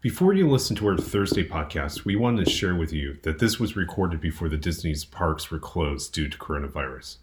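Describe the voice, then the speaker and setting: A man's voice: low-pitched, big pitch swings, fairly quick, few pauses. A man speaking casually as a podcast co-host. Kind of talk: casual talk.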